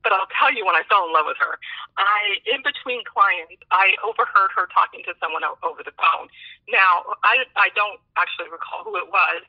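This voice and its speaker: A woman's voice: mid-range voice, brisk. A woman being interviewed over a phone call, telling a story with lots of restarts and laughs. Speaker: interview guest, psychologist. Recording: muffled phone line.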